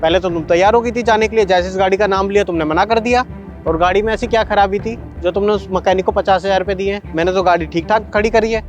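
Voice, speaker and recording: A man's voice: high-pitched, quick pace. A man acting a suspicious husband who questions and accuses his wife. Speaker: husband in a short drama. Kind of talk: scripted short-video drama acting. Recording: faint background music.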